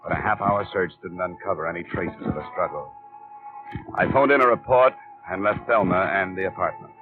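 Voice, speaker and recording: A hard-boiled private eye speaks in a low, clipped and matter-of-fact voice. His voice comes through the tinny, narrow-band sound of an old AM radio broadcast. Music plays clearly behind him. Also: brisk. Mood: narrating. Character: tough, level-headed male private investigator. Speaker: narrator and lead investigator. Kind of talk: 1950s radio drama acting and narration. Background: music bed.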